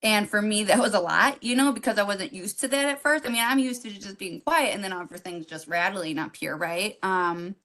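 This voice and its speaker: A woman's voice: mid-range voice, a little fast, few pauses, sharp tone. Middle-aged woman, podcast co-host; rambling, emotional storyteller with frequent fillers and restarts. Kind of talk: casual heartfelt storytelling.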